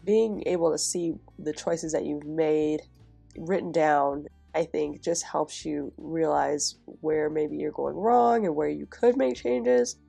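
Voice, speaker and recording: A young woman with a cold-stuffed, nasal voice talks casually over faint music as she decorates a planner for her vlog. Her voice is low, slow, and creaky with a breathy edge, and her manner is relaxed and chatty, broken up by soft laughs.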